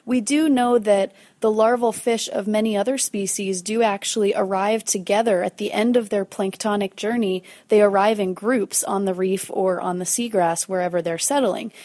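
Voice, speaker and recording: A woman scientist giving measured, explanatory answers in an interview. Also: mid-range voice, fairly even intonation, mellow, no room sound. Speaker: marine scientist.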